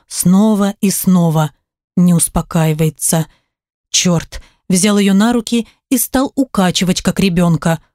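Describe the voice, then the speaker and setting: A woman narrating a romance novel in the first person, with an emotional, expressive telling. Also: medium pitch, no echo, clean studio sound. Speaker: audiobook narrator.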